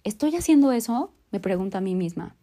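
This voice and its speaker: A woman's voice: medium pitch, expressive, fairly quick, mellow. A woman hosting a motivational podcast, talking earnestly and reflectively straight to the listener. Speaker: podcast host.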